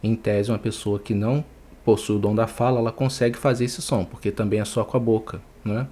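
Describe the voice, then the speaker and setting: Patient Brazilian teacher, mellow voice. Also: male voice, lowish voice, fairly even intonation. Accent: Brazilian Portuguese. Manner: patient, repeats words slowly to demonstrate sounds. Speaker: English teacher. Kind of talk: online English pronunciation lesson.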